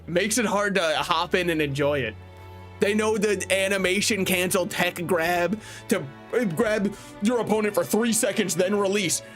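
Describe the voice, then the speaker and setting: Casting: male game streamer, high voice, opinionated and jokey, chatting casually over faint music. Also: normal speed, a bit bright. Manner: joking, opinionated, conversational, swears. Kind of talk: casual live-stream commentary.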